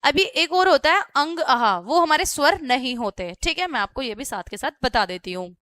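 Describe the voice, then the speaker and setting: A woman's voice: high voice, expressive, moderate pace, fairly bright tone, no echo. A woman teaching a grammar lesson to children, explaining step by step, asking questions and then answering them herself, often checking in with "okay". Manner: repeats "ठीक है" often as a check-in; sounds out words letter by letter. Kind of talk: classroom-style grammar lesson.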